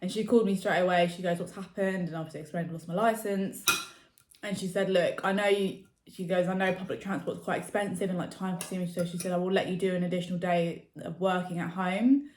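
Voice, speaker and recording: A woman's voice: lowish voice, steady tone, a little fast, a little mellow, a little hiss or hum. Chatty young woman in an echoey room. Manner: chatty, rambling, many fillers. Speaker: vlogger. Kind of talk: casual chat to camera.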